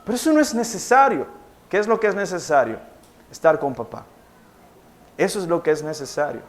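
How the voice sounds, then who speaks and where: A man's voice: sits high, brisk. A young Colombian man preaching a sermon in a church, telling stories vividly and asking questions that he then answers himself. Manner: animated storytelling preacher, asks questions and answers them. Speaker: pastor. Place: church hall.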